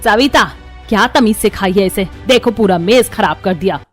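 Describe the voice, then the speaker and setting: A woman voicing a stern, sharp-tongued older grandmother in a scripted audio story, with music behind. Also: mid-range voice, moderate pace, lightly acted. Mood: scolding.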